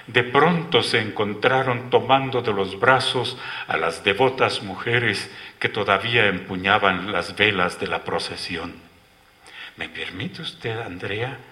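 A man narrating a literary story in a slow, measured reading. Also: on the low side, pushed and bright.

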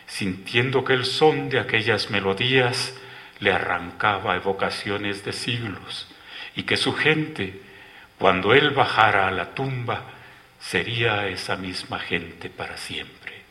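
A man narrating a literary story in a slow, measured reading. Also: fairly low pitch, pushed and bright.

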